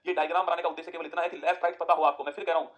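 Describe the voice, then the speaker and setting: High, fast-talking teacher. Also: male voice, flat delivery, highs cut off. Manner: quick, repetitive questions to students, then answers them himself. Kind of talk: online exam-prep geography lesson.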